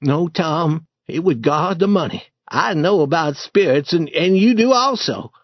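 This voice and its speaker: A man's voice: on the high side, lively intonation, unhurried, dry recording, voice pushed up. A man voicing a timid, easily frightened boy in a storybook reading, speaking hesitantly with stammers. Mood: nervous. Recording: dull dry lo-fi recording.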